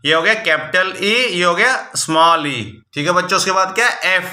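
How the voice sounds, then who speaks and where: In a classroom with a board, a man patiently teaches young children their English letters, frequently saying "ठीक है बच्चों" and slowing to spell each letter out. He's a primary school English teacher with a high, sharp voice, and the room is reverberant.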